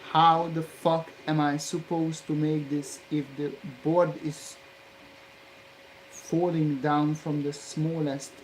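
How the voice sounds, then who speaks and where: Slow, cursing, frustrated solderer muttering. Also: level tone, a little hiss or hum, poor audio. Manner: cursing angrily at the work, with sudden loud outbursts; low grumbling between outbursts. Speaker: hobbyist electronics maker. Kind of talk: muttering while soldering on camera.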